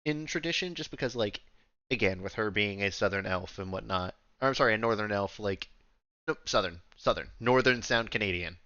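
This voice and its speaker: A man's voice: on the low side, brisk, sharp tone, dry recording, dull audio. A man narrating a tabletop game as game master, rambling and playful and filling his speech with "like". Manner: rambling, playful, full of "like" fillers.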